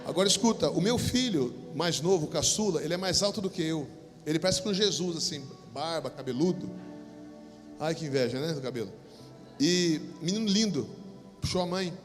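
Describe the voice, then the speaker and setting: A middle-aged Brazilian man preaching a sermon as pastor, swelling into bursts and then dropping low to tell a story. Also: animated, a little fast, faint music behind. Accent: Brazilian Portuguese. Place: church hall. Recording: long reverb of a church hall.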